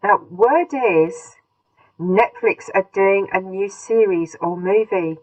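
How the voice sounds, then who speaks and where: A woman co-hosts a casual chat podcast, giggly, candid and chatty, speaking slowly in a medium-pitched, darkish voice. The recording has a dull, lo-fi sound.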